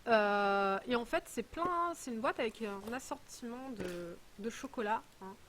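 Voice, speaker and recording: A woman's voice: a little high, animated, a little slow, a bit bright, a little hiss or hum. A woman vlogger chatting casually while unboxing a parcel, rambling and full of hesitations. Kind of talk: casual chat.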